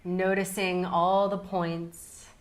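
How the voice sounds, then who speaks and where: A meditation teacher with a low-pitched voice guides a yoga nidra session. She speaks very slowly, calm and soothing, taking her time and leaving long pauses.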